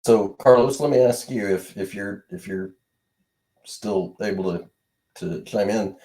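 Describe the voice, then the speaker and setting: Low, mellow male voice, deliberate explainer. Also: rough recording. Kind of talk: casual explanation.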